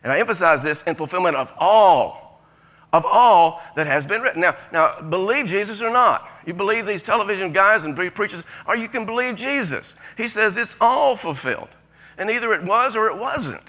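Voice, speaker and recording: A man's voice: on the high side, pushed and bright. A man preaching a sermon to a congregation, emphatic and folksy, with frequent restarts. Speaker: pastor.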